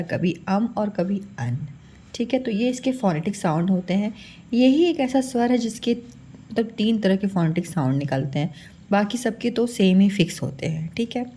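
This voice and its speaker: Lady teacher sounding out syllables real slow for kids, patient, middle pitch. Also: dark tone. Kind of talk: children's phonics lesson.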